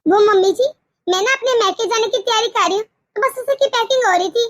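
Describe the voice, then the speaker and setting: A woman's voice: very high voice, brisk, no echo. A woman voicing a stubborn, self-centred young daughter-in-law in a cartoon, arguing back defiantly. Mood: insistent. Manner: defiant, argumentative. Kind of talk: cartoon voice acting.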